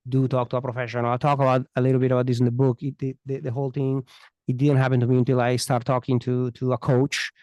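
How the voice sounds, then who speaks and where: In unscripted podcast answers, a male immigration attorney with a strong foreign accent speaks earnestly and emphatically, repeating himself often. He has a mid-range voice, a flat delivery and a fast pace, slightly mellow in tone. The audio carries no room sound.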